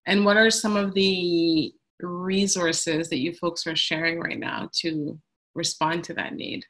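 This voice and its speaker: On earbuds from an indoor room at home, the young woman, a communications manager, runs a webinar: first slides, then a discussion. Her voice is slightly low, gravelly and a bit bright, her delivery flat and unhurried, casual and loose. She's chatty, says "um" a lot, and speaks of youth speaking to youth.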